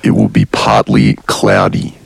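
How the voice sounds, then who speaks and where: A man playing an anonymous whistleblower whose voice is deep and distorted by a voice changer, talking evasively with many hesitations. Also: level tone, measured pace, vocal fry, no room sound, exaggerated voice. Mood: secretive. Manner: evasive, hesitant, reads forecasts as secrets. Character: anonymous male whistleblower with disguised voice. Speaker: caller. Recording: voice changer on a call.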